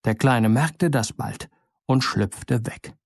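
Male storyteller, mid-pitched, dry close sound, fairy tale reading. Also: dry recording. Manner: measured, expressive storybook narration. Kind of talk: fairy tale read aloud.

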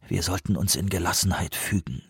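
A man voicing a tired, grim male scientist who speaks quietly, with a husky voice. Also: low-pitched, a little fast, no room sound, studio quality, pitched below the performer's own voice, full character voice. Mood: resigned. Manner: quiet, subdued.

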